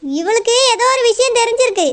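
A woman's voice: very high-pitched, expressive, brisk. A woman voicing a suspicious, bossy young village woman with a Kanyakumari Tamil accent, accusing and scolding.

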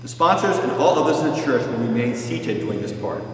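An older man, a parish pastor, calmly walking listeners through a church ceremony in plain terms, often restarting his phrases. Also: medium pitch, a little fast, a little hiss or hum. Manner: calm, plain explaining with frequent restarts. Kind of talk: instructional walkthrough. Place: large empty church. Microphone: far camera. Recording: echoey church from far off.

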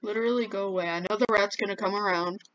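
A woman's voice: medium pitch, steady tone, fast talker, fairly bright tone. A woman commenting while she plays a game, jumpy and easily flustered, often exclaiming. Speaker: gamer. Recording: dull lo-fi mic.

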